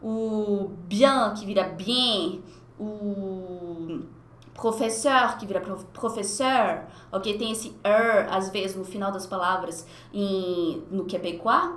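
Her medium-pitched voice moves at a slow pace and has a roomy sound, recorded on a headset mic in a small home room. Animated and gesturing a lot, the young woman mixes two languages as she teaches French in a relaxed, expressive livestream.

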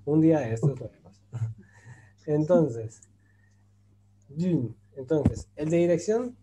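A man with a fairly high, expressive, mellow voice and a breathy edge speaks at a slow pace as he teaches Turkish grammar to an online group class. Patient, he explains things step by step and often checks in with "¿cierto?" ("right?").

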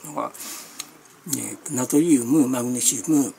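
A woman's voice: a bass voice, normal speed, creaky, dark tone, a little hiss or hum. A middle-aged woman with a Kansai Japanese accent chatting casually as a vlogger, rambling from one everyday topic to the next with many fillers and small laughs. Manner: chatty, meandering, refers to herself by nickname, frequent laughs and fillers.

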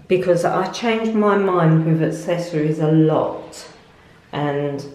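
A woman's voice: sits low, dark tone. An older woman vlogger giving a rambling, chatty tour of her small home bathroom, filmed on a handheld phone. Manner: chatty, rambling with fillers and restarts. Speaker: lifestyle vlogger. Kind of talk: casual home tour chat. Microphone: phone camera held by speaker. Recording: echoey tiled room.

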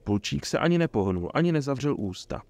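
A man reading an audiobook in a steady storytelling way. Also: mid-range voice. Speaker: audiobook narrator. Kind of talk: scripted narration.

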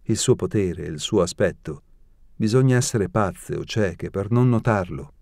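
A man voicing a playful, knowing young woman of the court in an audiobook, speaking in a soft, sly tone. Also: on the low side, expressive, a little slow, creaky, dry recording, clean studio sound. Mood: teasing.

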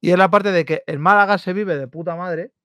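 A man's voice: sits high, fairly even intonation, fairly quick, fairly bright tone, no room sound. A man co-hosting a casual esports podcast, joking and swearing as he talks over the others. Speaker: podcast co-host.

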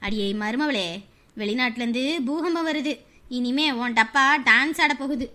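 A woman's voice: high voice, normal speed, sharp tone. A woman playing a gloating village mother-in-law.

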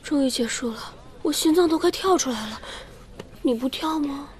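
A woman's voice: high voice, close to an everyday voice. An actress in a TV drama playing a heartbroken young woman who talks through tears. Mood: teasing. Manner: weepy, hurt, slow tearful delivery. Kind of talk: TV drama acting.

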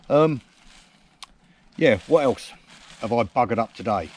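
A cheeky man from England, a camping vlogger at a woodland camp, chats casually to a camera mounted close on a tripod. His fairly low, slightly mellow voice carries teasing banter and dry self-mockery.

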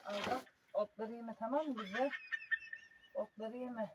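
A woman on a farm coaxing and calming her animal, repeating short calls over and over. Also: on the high side, a little slow, very noisy. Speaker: farmer tending her animal. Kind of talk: casual talk to an animal.

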